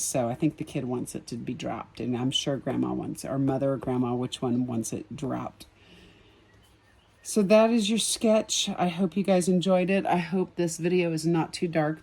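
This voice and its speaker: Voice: medium pitch, vocal fry, mellow, slightly rough. Casual vlog commentary, outdoors, musing, meandering, many ums, light chuckles. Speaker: sketch artist and empathic reader. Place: outdoors on a spring evening.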